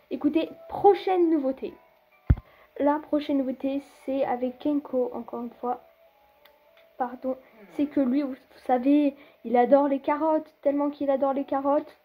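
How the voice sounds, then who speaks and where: A woman's voice: sits high, narrow, tinny audio. A woman giving casual gameplay commentary, chatty and rambling, laughing often, with many fillers and restarts. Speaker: gaming YouTuber.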